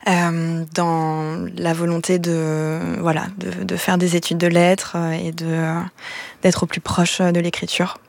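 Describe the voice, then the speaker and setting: A woman musician from southern France answering an interview softly and hesitantly, with many fillers. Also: fairly low pitch, completely flat delivery, takes it slowly, creaky, no room sound. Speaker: guest, musician.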